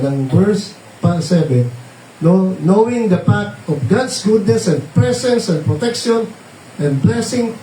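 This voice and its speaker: A man's voice: high-pitched, warm tone, slight background noise. A man preaching a sermon, switching between Tagalog and English and often checking in with his listeners through tag questions. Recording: roomy, distant mic, faint ambience.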